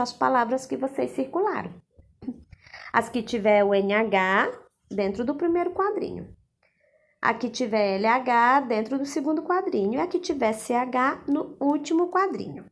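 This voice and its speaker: Brazilian woman, primary teacher; slow, patient delivery, sounding out syllables, higher voice. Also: creaky. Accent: Brazilian Portuguese. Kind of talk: lesson for young children.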